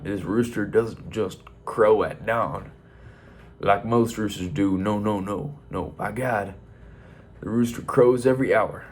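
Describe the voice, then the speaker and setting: A man voicing a gruff, cagey old male farmer who talks in a folksy drawl. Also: on the low side, full character voice. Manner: gruff, drawling folksy talk with 'by God'.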